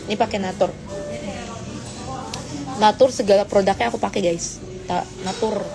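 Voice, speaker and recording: Music plays under this teenage girl's casual phone livestream as she reads comments and playfully teases her audience. Her vocal-fry voice has fairly even intonation at a normal speed, rising high when she pretends to be outraged.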